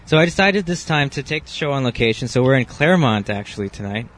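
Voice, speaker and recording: A man's voice: medium pitch, expressive, fast, a bit bright. A man hosting a casual podcast from a backyard, talking and laughing in a playful, rowdy way. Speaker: podcast host. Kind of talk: casual chat. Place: outdoors in a backyard.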